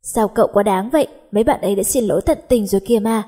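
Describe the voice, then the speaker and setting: A woman's voice: mid-range voice, fast, dark tone, breathy edge, close to an everyday voice. A woman voicing an arrogant teenage schoolboy who scolds and mocks. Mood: scolding. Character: brash teenage schoolboy, arrogant rich heir.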